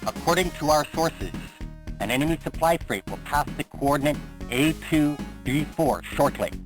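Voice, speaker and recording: An actor playing a military commander who delivers clipped, official mission briefings in a war video game. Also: male voice, on the high side, expressive, slow, over music, poor audio. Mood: businesslike.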